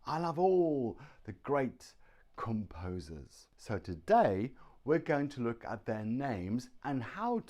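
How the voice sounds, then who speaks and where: A middle-aged man with a British accent teaching pronunciation, slowly repeating words and sounds. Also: medium pitch, a little mellow. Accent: British English. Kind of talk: slow pronunciation lesson.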